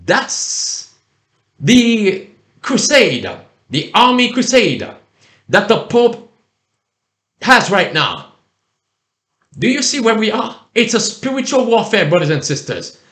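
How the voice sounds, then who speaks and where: A male preacher delivers a sermon in a high, lively voice that swoops up and down. He speaks slowly and stretches words out for emphasis as he reads scripture. The recording has a roomy echo. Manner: emphatic, drawn-out preaching cadence.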